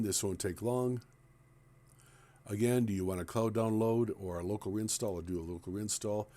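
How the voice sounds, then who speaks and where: A man's voice: fairly low pitch, a little mellow. A man walking through a computer task step by step in a plain, explanatory screen-recording tutorial. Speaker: tech tutorial presenter.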